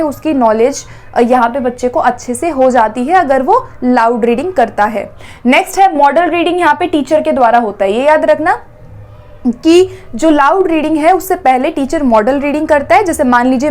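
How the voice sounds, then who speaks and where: High-voiced woman teaching exam English. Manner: explains step by step, asks and answers her own questions; Hindi with English terms mixed in. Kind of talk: exam-prep lecture.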